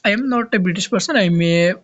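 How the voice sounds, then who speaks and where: A slightly bright, medium-pitched voice moves at a quick pace through a casual strategy game tutorial, heard on a muffled recording. The game guide creator, a native Bengali speaker from Bangladesh with a Bangladeshi accent, often restarts words and searches for terms.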